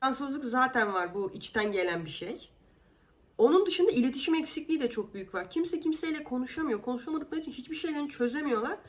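A vlogger speaks directly to camera in casual commentary, indignant, sarcastic and exasperated about what she's describing. Her slightly high voice moves at a quick pace, animated, repeatedly jumping up in pitch on words and then falling back.

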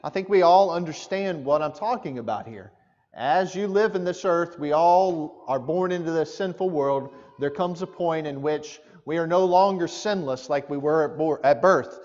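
Male preacher, high-pitched, chatty sermon delivery; dull recording in an echoing sanctuary. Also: moderate pace, a little mellow. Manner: conversational, asks the congregation direct questions. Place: church sanctuary. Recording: muffled church hall with long reverb.

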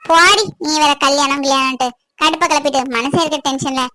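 A woman's voice: sits high, steady tone, fairly quick, pushed and bright, dry recording. A woman voicing a worried young woman in a cartoon, chatting frankly on the phone about money and work. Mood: fretting. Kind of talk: cartoon voice acting.

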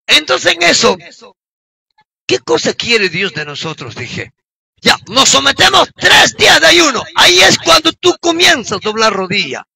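A middle-aged man from Peru gives a fervent sermon testimony and often breaks into shouts. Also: very high voice, very animated, a little slow, creaky. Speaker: preacher giving testimony.

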